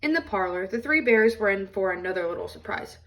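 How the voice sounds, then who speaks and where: A woman reading a children's storybook aloud in an expressive storytelling style. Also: medium pitch, fairly quick, distant mic, slight background noise.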